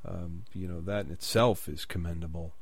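A man's voice: sits low, fairly even intonation, moderate pace, slightly rough, no room sound. Rambling, hesitant male interviewer. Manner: rambling, hesitant questions with many fillers. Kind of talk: interview questions.

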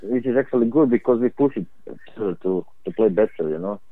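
A young man from Croatia gives earnest, halting interview answers over a thin, phone-like line. His voice sits fairly low and sounds dry and close. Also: animated, no room sound. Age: young adult. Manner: plain, earnest, halting phrasing. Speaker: cellist guest.

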